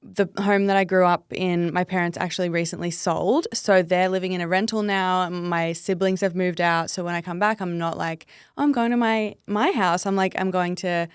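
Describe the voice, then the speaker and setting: A woman's voice: on the low side, fairly even intonation, normal speed, few pauses, smooth, dry recording, clean studio sound. An Australian woman in her thirties from Melbourne, chatting openly as a podcast guest and saying 'like' a lot. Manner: chatty, open, uses 'like' often. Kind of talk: casual interview chat.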